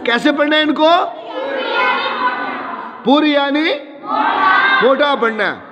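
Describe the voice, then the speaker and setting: Brief: male Quran teacher, very high voice, quizzing a class in an echoey hall. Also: heavy background noise. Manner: drilling, asks and repeats questions. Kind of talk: classroom recitation lesson. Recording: echoey hall, dull lo-fi sound, class crowd.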